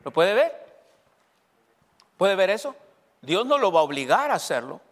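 A man preaches a teaching sermon in a fairly high voice that carries a long reverb from the hall. He stumbles and repeats words as he goes, often checking that his listeners are following. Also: big pitch swings. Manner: halting, repeats words, asks the congregation questions. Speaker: pastor.

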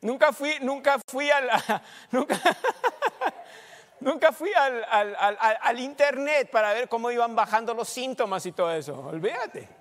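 High-voiced pastor in echoing hall. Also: male voice, a little slow. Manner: joking testimony, loud and animated at times. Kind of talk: sermon. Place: church hall. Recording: long hall reverb.

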